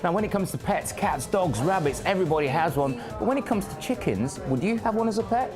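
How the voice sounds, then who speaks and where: A man's voice: high voice, lively intonation, brisk, over music. A man co-presenting a regional TV show, bantering playfully and boasting with a grin. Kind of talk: studio chat.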